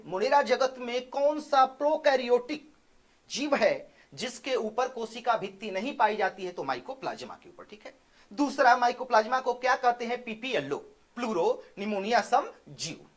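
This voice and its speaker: A male teacher giving an exam-prep biology lecture. He asks questions and answers them himself, repeats key terms slowly, and keeps checking in with "theek hai". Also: very high voice, a bit bright. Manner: drills by asking and answering his own questions.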